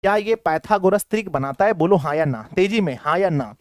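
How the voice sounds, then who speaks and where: Lively high-voiced male maths teacher. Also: brisk, no echo, clean studio sound. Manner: playful, acts out students' replies in a sing-song voice. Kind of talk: energetic classroom lesson.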